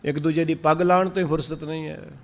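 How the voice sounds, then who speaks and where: A man with a Punjabi accent giving a sermon, drawing out verses slowly and then explaining them in lively speech. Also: fairly high pitch, gravelly, in a large hall. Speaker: Sikh preacher. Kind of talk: sermon on scripture.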